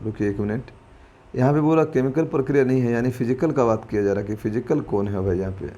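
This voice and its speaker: A man teaches exam-prep lessons, walking through quiz questions in a chatty, informal way and calling viewers friends and brother. He thinks aloud, corrects himself, and mixes in English terms as he explains. His mid-range voice is dark and fast, and the recording is muffled.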